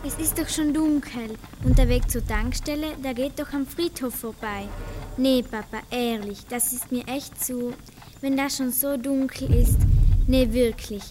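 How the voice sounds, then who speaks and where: A frightened boy whines and pleads with his father in a read-aloud children's story, voiced by a woman. The voice is high and the delivery is pleading and reluctant. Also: steady tone, a little slow. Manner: whining, pleading. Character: scared whining boy, eldest son.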